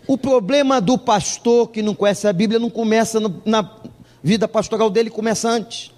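A man's voice: high voice, normal speed, darkish tone, big-room sound. A male pastor preaching a sermon, telling a humorous story and acting out the dialogue of its people.

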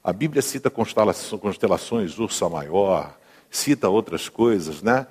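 A man's voice: lowish voice, lively intonation, a little slow, a little mellow, breathy edge. A male pastor with a Brazilian accent preaching a sermon in a humorous, conversational way, often asking the congregation questions. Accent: Brazilian Portuguese. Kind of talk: sermon with storytelling. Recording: long hall reverb.

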